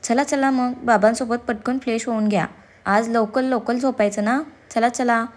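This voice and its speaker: A cheerful young father from a storybook urges his child on in a lively, playful way, as a woman narrator puts him on. The voice stays fairly high rather than deep. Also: moderate pace, lightly acted.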